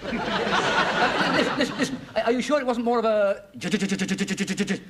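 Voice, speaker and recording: An actor playing a cheerful, excitable husband, chatty and quickly flustered, in 1970s sitcom style. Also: male voice, very high-pitched.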